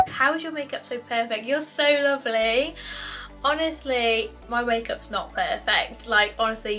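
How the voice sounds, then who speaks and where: A woman's voice: on the high side, bright, forceful tone. A young woman in her twenties from the UK, chatting casually to camera in a Q&A, upbeat and repeating herself often. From United Kingdom. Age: 20s. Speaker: YouTuber.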